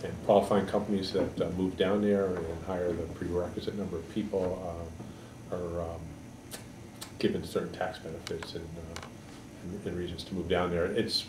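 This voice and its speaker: A man in his sixties from Connecticut, a political candidate giving halting, measured answers in an editorial board interview. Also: low voice, level tone. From Connecticut, USA. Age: 60s. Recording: echoey room, mic far off, background noise.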